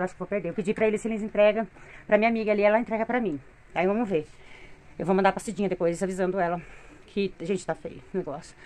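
In her living room, a mother of three who vlogs films herself on her phone for a casual home video, venting in a weary, complaining tone. She's middle-aged, speaks with a Brazilian Portuguese accent, and has a mid-range voice.

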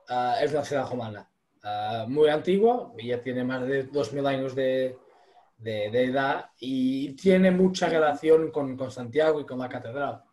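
A man's voice: medium pitch, darkish tone. A young man from Portugal with a Portuguese accent, hosting an interview in Spanish over a video call, eager and restarting often. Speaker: host. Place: small room at home. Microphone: webcam on video call.

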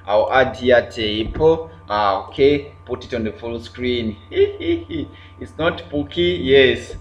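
A man's voice: medium pitch, big pitch swings, slow. A man hosting a casual livestream, chatting, repeating himself and greeting viewers by name. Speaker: livestream host. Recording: roomy, dull lo-fi sound with faint hum.

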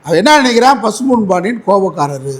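A man's voice: sits high, sing-song, fast talker. A man speaking as an advocate in a heated political interview, combative and mocking, repeating his points.

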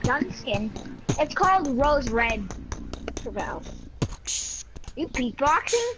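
A woman chatting casually while playing an online shooter, excitable and teasing, often repeating herself. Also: sits high, slow, over music, low-quality recording. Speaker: gamer. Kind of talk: casual gameplay chat. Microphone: headset mic.

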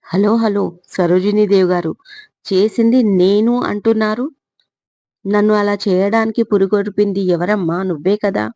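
A woman's voice: mid-range voice, steady tone, moderate pace, mellow, no echo, natural voice. A woman voicing a blunt, evasive man on a phone call, talking in a cold and dismissive way. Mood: defensive. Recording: slightly dull lo-fi recording.

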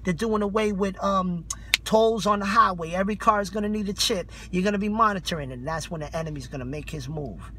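A man's voice: high-pitched, a little fast, sharp tone, slight background noise. A man in his thirties, a street preacher giving an off-the-cuff sermon in colloquial slang with urgent, fanatical zeal. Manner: fervent, fanatical religious zeal, urgent and exhorting. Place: inside a parked car.

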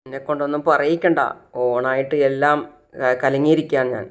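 A woman's voice: sits low, steady tone, brisk, pitched below the performer's own voice, close to an everyday voice. A narrator voicing a troubled middle-aged mother who sounds weary and resentful.

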